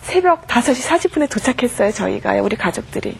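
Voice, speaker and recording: A woman's voice: a little high, very animated, fast, vocal fry, a little hiss or hum. Earnest woman telling her testimony. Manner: earnest storytelling, acts out quoted prayers and dialogue. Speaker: guest giving testimony.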